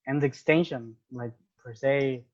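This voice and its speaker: A young Venezuelan man, a guest in a casual interview, speaks English as a second language with a Venezuelan Spanish accent, often restarting phrases as he hunts for words. His mid-range voice comes at a measured pace through a muffled recording.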